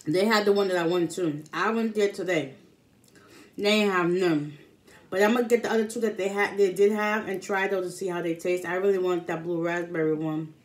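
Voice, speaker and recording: A woman's voice: on the low side, steady tone, a little fast. A woman in her thirties chatting casually to the camera as she eats, often talking between bites. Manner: talks between bites, mouth often full. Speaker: mukbang vlogger. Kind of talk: casual chat to camera while eating. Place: small room at home, indoors. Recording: clear background room noise.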